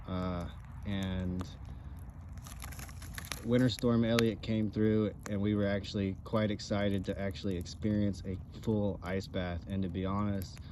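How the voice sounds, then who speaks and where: A man in a casual, halting conversational chat, speaking as a co-host. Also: fairly low pitch, warm tone. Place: outdoors by a campfire. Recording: outdoor ambient background noise.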